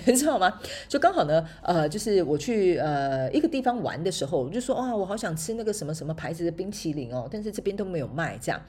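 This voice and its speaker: Woman podcast host, husky low voice, lively pitch, fast chatty storytelling with frequent laughs. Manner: chatty storytelling, laughs often, tag particles. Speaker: podcast host and motivational speaker. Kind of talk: casual solo podcast talk.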